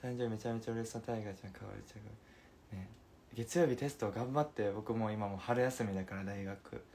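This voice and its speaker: A young man in his twenties chats casually on a phone livestream, playful and giggly as he answers comments. His voice sits a little low for a man. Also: brisk, darkish tone, a little hiss or hum. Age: 20s. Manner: playful and chatty, giggles between remarks. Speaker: livestream host.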